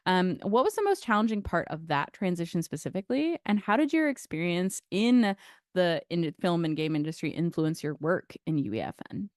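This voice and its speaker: A woman's voice: fairly low pitch, animated, normal speed, a little mellow, dry recording, studio quality. A woman hosting a live-streamed interview, upbeat and encouraging as she thanks her guest and asks questions. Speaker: host.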